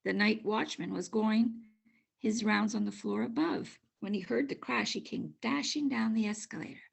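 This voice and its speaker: An older woman narrating a children's storybook aloud in an expressive, measured way. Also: mid-range voice, creaky, breathy edge. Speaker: storybook reader.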